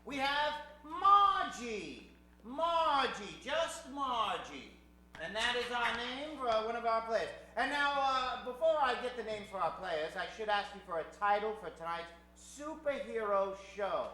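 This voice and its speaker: On an echoey theater stage, a man hosts a live improvised radio show, showy and mock-formal like old-time radio, trading jokes with the audience. His voice is very high, sing-song, a little slow, and bright with a forceful push.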